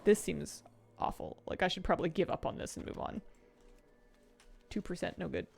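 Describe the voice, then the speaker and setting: Thinking out loud while she streams a game, a woman rambles in easygoing commentary at a moderate pace, her fairly low voice marked by vocal fry. Video game music and sounds run underneath.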